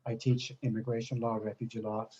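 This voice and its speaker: A middle-aged man, a law professor, introducing himself on a video call with a steady delivery. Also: on the low side, a little fast, slightly rough. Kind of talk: casual self-introduction. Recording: dull lo-fi call audio, faint room hum.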